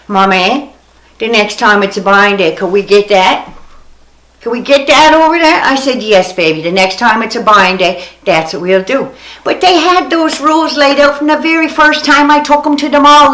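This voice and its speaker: A woman's voice: on the high side, a bit bright. An older woman telling a story and ranting bluntly to her viewers, swearing freely and scolding. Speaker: vlogger. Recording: echoey room.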